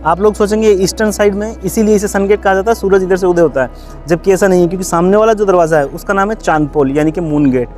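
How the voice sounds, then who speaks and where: A man's voice: high-pitched, quick pace, a little mellow, faint music behind. A man working as a tour guide, explaining things to visitors outdoors in a chatty, lecturing way. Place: outdoors at a historic palace.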